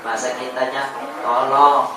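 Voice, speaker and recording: A man teaching an Arabic lesson to a class, asking questions and calling out Arabic words loudly. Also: mid-range voice, little pitch movement, a little slow, a crowd in the background. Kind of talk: classroom lesson to adult students. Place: classroom or hall with an audience. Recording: very echoey room, distant voice, audience noise.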